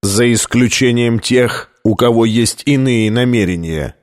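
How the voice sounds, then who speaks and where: A man's voice: medium pitch, unhurried, close to an everyday voice. A man voicing a stern, ailing male lab director who speaks in a tense, clipped way in an audiobook.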